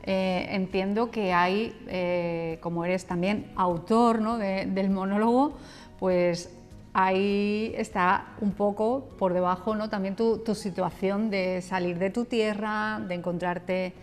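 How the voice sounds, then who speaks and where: A woman's voice: mid-range voice, steady tone, slow pace, soft background music. A woman presenter interviews a guest for local television in a mid-range voice. She asks her questions conversationally, with the odd filler. Her voice trails off into a long reverb.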